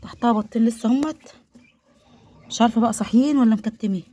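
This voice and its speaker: Egyptian woman poultry vlogger, rapid, chatty, pious asides, faint bird noise. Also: fairly high pitch, warm tone. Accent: Egyptian Arabic. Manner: chatty, devout, sprinkles blessings; nervous, laughing while handling a biting duck. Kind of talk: casual vlog, talking to viewers. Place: poultry coop, indoors. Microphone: phone held while filming.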